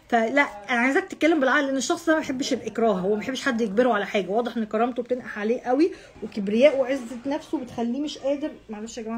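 Egyptian lady reading horoscopes, high voice, talks fast, keeps repeating herself. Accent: Egyptian Arabic. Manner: repetitive, speaks straight to the viewer, drops English phrases. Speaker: astrologer host. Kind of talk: casual monthly horoscope reading to camera.

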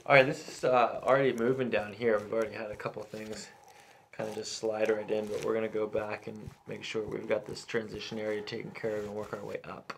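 A man's voice: fairly low pitch, level tone, quick pace. A man around forty, a chiropractor, giving short casual replies and brief instructions as he works. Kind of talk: casual chat and brief instructions while working. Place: small chiropractic office, indoors. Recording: clearly noisy room, clicks.

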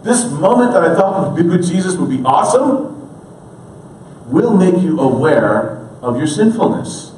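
A man in his thirties preaches in a high-leaning voice, earnest, dropping to a hush and then building back up. He sounds a little away from the mic, in a big roomy hall. Faint background ambience is heard under his voice. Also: big pitch swings, unhurried, slight background noise. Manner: earnest, swings from hushed to emphatic. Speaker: pastor. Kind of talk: sermon. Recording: roomy, distant church recording.

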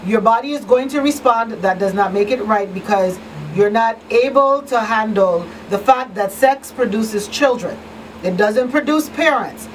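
A middle-aged woman hosts a radio talk show from a small indoor studio, addressing listeners directly and emphatically as she wraps up a public-service program. Her voice is on the high side, picked up by a boom-mounted studio microphone that sounds distant, with slight background noise and poor audio.

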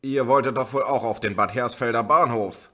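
A man's voice: mid-range voice, moderate pace, fairly bright tone, close to an everyday voice. A man voicing an urgent, pressing woman, a mother fleeing with her children, in an audiobook.

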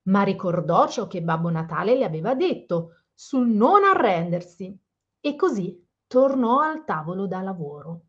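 A woman reading a children's picture book aloud and gently explaining the story to children. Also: mid-range voice, big pitch swings, unhurried. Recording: slightly dull lo-fi sound.

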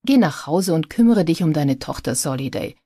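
A woman voicing a tired, determined female detective. She speaks gently but stubbornly. The voice is low, mellow and husky. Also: expressive, moderate pace, dry recording, clean studio sound, exaggerated voice.

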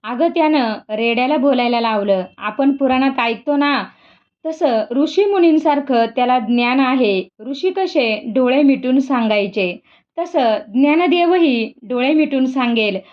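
A woman's voice: high voice, animated, unhurried. A woman voicing an anxious, frightened middle-aged mother in a spoken story reading. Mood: worried. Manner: worried, pleading. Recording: dull lo-fi recording.

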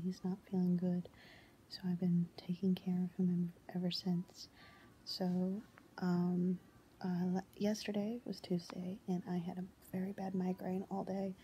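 A young woman chatting casually to camera in a hushed, near-whispering voice kept low, halting as she goes. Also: completely flat delivery, slight background noise. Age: young adult. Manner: hesitant, halting. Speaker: home cooking vlogger. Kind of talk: quiet casual chat to camera. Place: indoors in a home living room. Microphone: phone held at arm's length.

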